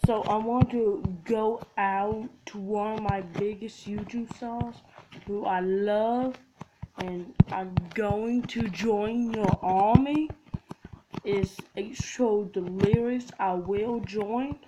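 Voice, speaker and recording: Loud, cursing woman gaming. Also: mid-range voice, slow pace, very noisy. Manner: loud, profane, excitable. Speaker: gaming channel host. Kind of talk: casual gaming commentary.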